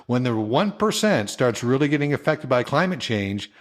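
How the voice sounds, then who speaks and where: A man's voice: mid-range voice, big pitch swings, moderate pace. A man hosting an interview show, chatting casually and eagerly chiming in with asides.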